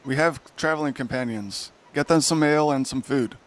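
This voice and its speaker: Man voicing a proud half-elf town leader, self-important, hurried, tabletop game. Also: medium pitch, close to an everyday voice.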